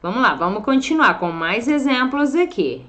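A woman's voice: a little high, big pitch swings, bright, forceful tone. A Brazilian woman teaching English vocabulary, pronouncing words carefully and often checking in with her students. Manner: slow, careful, drawn-out pronunciation of English words; frequent check-ins like "tá bom?" and "ó". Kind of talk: vocabulary lesson.

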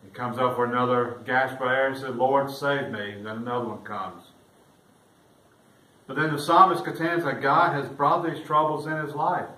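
In an echoey church, a man preaches at a moderate pace with a steady tone, his voice captured by a distant mic. He is the pastor, and his sermon swells louder and higher during scripture readings. Roomy echo, off-mic voice, and faint room noise mark the recording.

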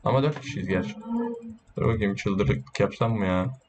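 A man giving casual, excitable gameplay commentary, boasting and swearing while urging his teammates on. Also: fairly low pitch, normal speed, slight background noise. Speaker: gaming YouTuber.

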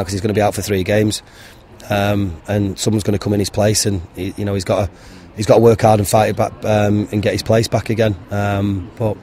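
Low, flat-voiced football manager, outdoors. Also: male voice. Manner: frank, plain-spoken, many ums and restarts. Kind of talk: post-match interview. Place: outdoors beside a football pitch. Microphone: handheld interviewer mic held to him.

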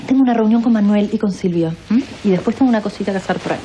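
A woman's voice: mid-range voice, very fast, noisy background, lightly acted. An actress playing a spiteful young woman who answers with sarcasm and contempt. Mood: sarcastic scorn. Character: spiteful scheming young woman named Rosario. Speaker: telenovela character.

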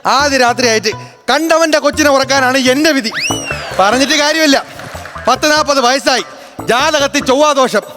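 A male comic performer with a very high-pitched, exaggerated delivery. Music plays under the scene throughout, as in a television comedy sketch. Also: moderate pace. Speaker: comedian playing a new husband. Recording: television broadcast with music behind.

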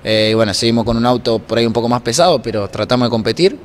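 This is a rapid-fire, medium-pitched man in his twenties with an Argentine accent, casually chatting as an interview guest. He announces races and works as a workshop mechanic, and a handheld microphone is held toward him. The block-walled racetrack room is noisy, with obvious ambient background noise.

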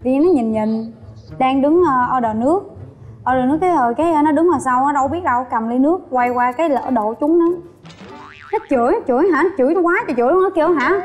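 A woman's voice: high voice, fast talker, soft background music. A woman, a show guest telling her husband a complaining story over the phone.

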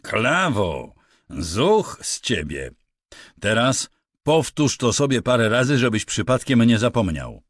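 A man voicing a weary, gruff ranch worker who talks bluntly in rough slang, plainly exasperated. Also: mid-range voice, sing-song, slow pace, dry recording, clean studio sound, voice pushed up. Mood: stern.

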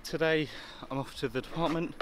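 A man's voice: a little high, fairly even intonation, a little fast. A young man from England, a student, chatting casually to his camera in a vlog, out of breath and rambling. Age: young adult. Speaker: student vlogger. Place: outdoors on a street, later indoors. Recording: loud street noise.

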